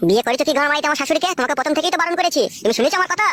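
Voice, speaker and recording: A woman's voice: high voice, racing, fairly bright tone, no room sound. A woman voicing a sullen, insolent young son in a comic skit, talking back.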